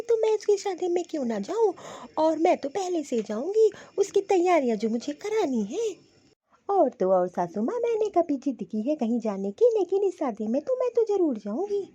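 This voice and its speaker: A woman's voice: sits high, sing-song, normal speed, mellow. A woman voicing a headstrong young married woman in a cartoon, indignant and sulky. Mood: pleading. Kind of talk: cartoon voice acting.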